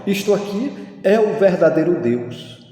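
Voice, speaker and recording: Guy doing a shocked indignant missionary, high voice, super echoey hall. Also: expressive, unhurried, warm tone. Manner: incredulous, exclaiming questions. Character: indignant male European missionary. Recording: echoey hall with long reverb.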